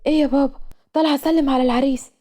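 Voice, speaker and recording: A woman's voice: sits high, fairly even intonation, rapid-fire, warm tone, natural voice. A woman voicing a sulky young female student with an Egyptian accent, complaining dramatically. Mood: whiny. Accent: Egyptian Arabic. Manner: whiny, exaggerated complaining.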